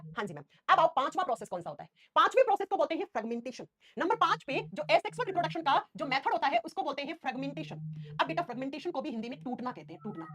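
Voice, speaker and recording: Woman teacher, young, high voice, rapid delivery, repeats key terms. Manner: animated, repeats key terms, calls students beta. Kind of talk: online class lecture.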